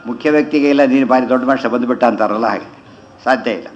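Casting: male religious teacher, mid-pitched, measured verse recitation broken by brisk explanations. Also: muffled recording. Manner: chants verses slowly, then explains in quick conversational asides. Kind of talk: scripture commentary lesson.

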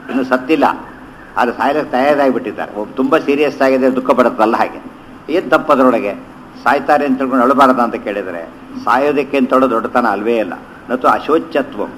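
A man teaching a scripture commentary, chanting verses slowly and then explaining them conversationally with rhetorical questions. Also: mid-range voice, a bit bright, a little hiss or hum, rough recording.

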